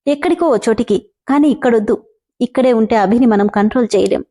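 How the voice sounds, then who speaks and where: A grieving, devoted mother, tender and pleading, voiced by a woman narrator in a mellow, slightly high voice. She comes across gently in an audio storybook. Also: quick pace, close to an everyday voice.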